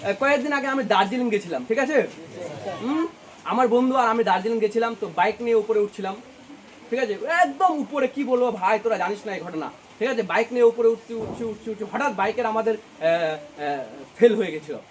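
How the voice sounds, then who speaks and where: A man's voice: high-pitched, animated, brisk, a little hiss or hum. A young man with a Bengali accent teaching a poem, asking questions and answering them himself. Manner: mixes English lines into explanation. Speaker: English teacher. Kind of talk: poetry lesson for students.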